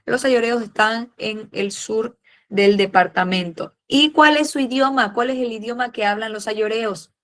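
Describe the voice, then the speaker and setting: A woman teaching a history class, patiently calling on students and filling pauses with "eh" and "a ver". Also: fairly high pitch. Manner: patient, fills pauses with "eh" and "a ver", uses diminutives. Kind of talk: classroom lesson, questioning students.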